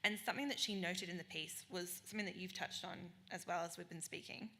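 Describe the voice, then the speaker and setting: A woman leads a live panel talk, her fairly low voice rapid and bright. She is enthusiastic, and she tosses in jokey asides between her questions. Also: steady tone. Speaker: panel moderator. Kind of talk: conversational panel moderating.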